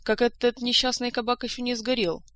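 A woman voicing a tired, sharp-tongued female doctor who grumbles and complains. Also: fairly high pitch, little pitch movement, a little fast, pitched above the performer's own voice, lightly acted. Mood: grumbling. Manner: grumbling, exasperated.

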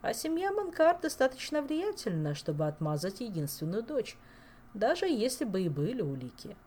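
A woman's voice: a little high, very animated, moderate pace, mellow, a little hiss or hum, voice pushed up. A woman voicing a gloomy male investigator who speaks in a dry, matter-of-fact way.

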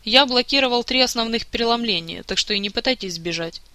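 A man voicing a stern, formal old court wizard who scolds others in measured, reproachful tones. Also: extremely high pitch, bright, forceful tone, clear, resonant tone, dry recording, voice pushed up, heavily acted.

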